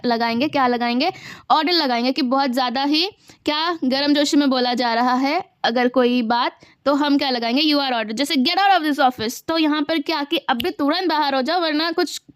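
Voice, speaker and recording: A female English teacher gives an exam-prep grammar lesson, explaining step by step and asking students whether they understand. She reads English example sentences slowly and deliberately. Her voice is high-pitched, and the recording is clean studio sound with no room tone.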